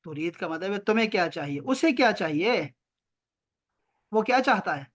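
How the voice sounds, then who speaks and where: A man teaching Arabic in an online class over a video call, drawing out the Arabic phrases slowly and explaining them briskly, often teasing his students. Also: high-pitched, animated, a bit bright. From Pakistan. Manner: slow drawn-out Arabic examples, brisk explanations.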